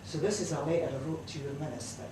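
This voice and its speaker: A woman's voice: deep voice, fast talker. A woman with a broad Scots accent, performing a comic monologue as a mother's letter to a minister, in a chatty dialect style. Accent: Scottish, broad Scots. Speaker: storyteller at a community event. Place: community centre hall, live audience. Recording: distant, roomy live hall recording with noise.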